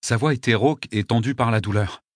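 An audiobook narrator reads a scripted story in a steady, measured manner. His voice is mid-range, and the recording is dry with clean studio sound.

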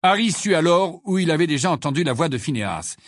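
Man, audiobook narration, animated, wide pitch swings, dry close studio sound. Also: brisk, no echo. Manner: expressive, widely varied reading.

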